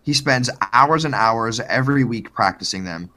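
A man's voice: medium pitch, animated, moderate pace, sharp tone. A man co-hosting a podcast, telling a true-crime story in a joking, profane, casual way. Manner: joking, profane, lots of fillers.

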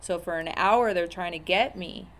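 A woman's voice: lowish voice, normal speed, a bit bright. A woman in her thirties telling her own story candidly, in a blunt, profane way with many fillers.

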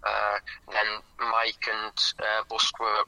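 A young man, a footballer calling in to a podcast, heard over a phone on speaker, answering in a halting, modest way with lots of "um" and "like". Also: fairly low pitch, completely flat delivery, gravelly, sharp tone, no echo, low-quality recording. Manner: halting and modest, filling gaps with "um" and "like". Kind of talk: casual phone-in interview.

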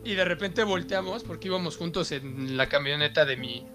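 A young man with a Mexican accent chatting casually and reminiscing with a friend in a slangy, animated storytelling manner. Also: a little high, fairly quick, soft background music.

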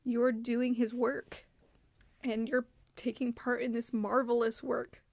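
A woman's voice: on the high side, little pitch movement, slow pace, gravelly, no room sound. A woman hosting a devotional podcast for mothers, talking in an earnest, heartfelt, conversational way with many fillers. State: tearful, choked up. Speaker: podcast host.

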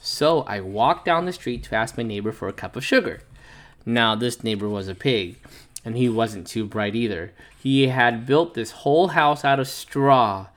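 A man reading a picture book aloud to his child, telling it playfully in a wolf narrator's voice and pausing to chat with the child. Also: medium pitch, fairly bright tone. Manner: playful storyteller voicing the wolf narrator, chatting with his child between pages.

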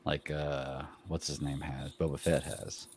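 A man's voice: a bass voice, level tone, a little slow, a little mellow, husky. A man hosting a casual podcast, chatting and bantering with his co-hosts. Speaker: podcast host.

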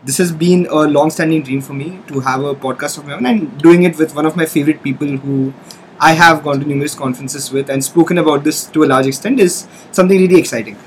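A man's voice: on the high side, quick pace, slight background noise, poor audio. A man speaking as a podcast guest, earnestly explaining ideas and restarting phrases as he searches for words. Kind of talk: casual explanatory discussion.

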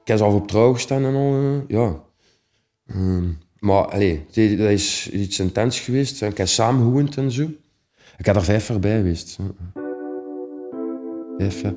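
Rambling Flemish man, mellow voice. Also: on the low side, unhurried, pauses often, soft background music. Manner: rambling, streetwise, with many fillers. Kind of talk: casual personal storytelling.

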